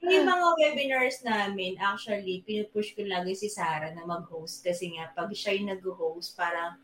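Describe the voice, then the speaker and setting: A woman's voice: mid-range voice, normal speed, fairly bright tone, slight background noise. A woman, chatting in a mix of Tagalog and English and explaining at length while she searches for words. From Philippines. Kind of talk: casual chat mixing Tagalog and English. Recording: echoey room.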